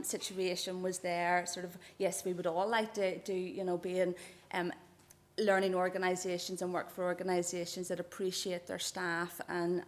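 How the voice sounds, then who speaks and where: A middle-aged woman with a Northern Irish accent giving an academic lecture on her own. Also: fairly low pitch.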